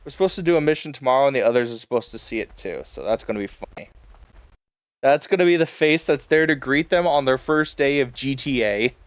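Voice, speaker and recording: A man's voice: mid-range voice, lively intonation, brisk, no room sound, lo-fi sound. A man streaming a game, chatting casually and rambling with lots of fillers and chuckles. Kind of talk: casual live-stream chat while playing.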